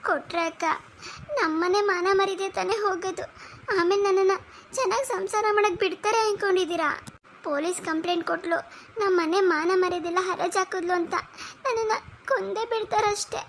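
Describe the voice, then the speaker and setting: A timid young cartoon woman, voiced by a woman, with a very high voice. She speaks in a tearful, pleading way. There is a faint hiss behind her. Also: steady tone, a little fast.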